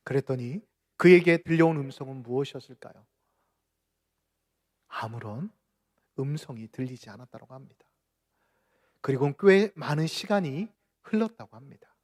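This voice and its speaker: Korean pastor preaching with dramatic swings. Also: male voice, mid-range voice, lively intonation, moderate pace, pauses often. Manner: dramatic preaching, rising to loud outcries and dropping to near-whispers. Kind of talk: sermon. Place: church sanctuary.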